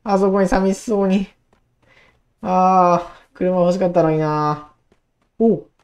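Talking to herself while gaming, this YouTuber in her twenties has a fairly low-pitched voice. Her casual commentary is excitable, with words repeated in rapid bursts.

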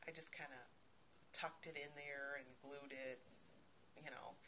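A woman's voice: sits low, little pitch movement, a little slow, bright, forceful tone, rough recording. A middle-aged woman, casually showing off a craft project in a rambling way, recorded on a handheld phone. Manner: rambling, with many ums and restarts. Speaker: crafting vlogger. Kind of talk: casual show-and-tell. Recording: phone video with faint background hiss.

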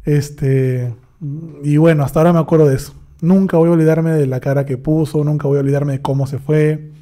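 A young man narrates a personal story on a podcast in a relaxed, casual way. His voice sits a little high, with a dark, mellow timbre. He imitates the people in his story as he goes. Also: a little fast. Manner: animated anecdote telling, acts out dialogue. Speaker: podcast co-host, dentist.

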